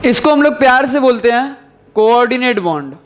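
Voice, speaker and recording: Young guy teaching chemistry, pretty high voice, dictates slow and repeats stuff so you can copy it down, voice sinks at the end of key words. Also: animated, fairly bright tone, slight background noise. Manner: dictates slowly, repeating phrases for students to write. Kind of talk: classroom lecture.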